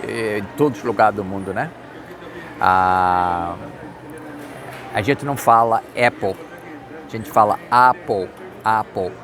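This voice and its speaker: A middle-aged man with a Brazilian Portuguese accent gives a casual spoken lesson, repeating and spelling out words slowly. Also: lowish voice. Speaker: English tips vlogger. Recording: noisy outdoor street recording.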